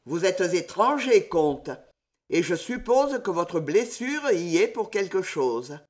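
A man voices a smooth, mysterious gentleman in a storybook reading, calm and cordial, with a teasing edge. The voice sits high and moves with a lively, unhurried melody. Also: exaggerated voice. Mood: suave.

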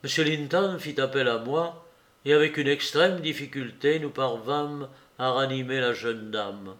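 A man narrating a classic novel in a measured, expressive way. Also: mid-range voice. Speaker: audiobook reader. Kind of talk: literary narration.

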